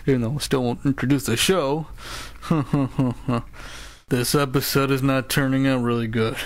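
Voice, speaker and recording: This comedic cartoon role has a man voicing a broke male announcer who complains, whines and sighs sarcastically, groaning often. He speaks at medium pitch with a steady tone and unhurried pace, close to his everyday voice.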